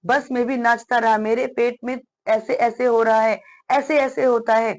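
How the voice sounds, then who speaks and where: A woman's voice: little pitch movement, normal speed, close to an everyday voice. A woman reading aloud and voicing a worried middle-aged father who frets over his son. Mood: anxious. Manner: anxious, explaining at length, raised pitch.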